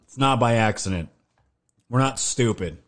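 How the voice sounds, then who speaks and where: A man hosting a political livestream, ranting sarcastically and swearing, with a voice going hoarse. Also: mid-range voice, normal speed. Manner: sarcastic, swears, animated outbursts. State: losing his voice. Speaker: livestream host.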